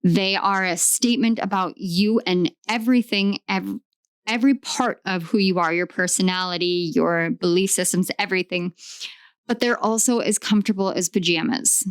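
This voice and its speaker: A woman giving a channeled tarot reading, talking with eager enthusiasm and often pausing to search for the right words. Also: fairly low pitch, clean tone, no echo, clean studio sound. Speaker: tarot reader.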